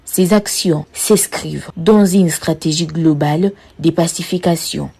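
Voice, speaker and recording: A woman reading a scripted news report in a formal, measured way. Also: low voice, creaky, warm tone, husky.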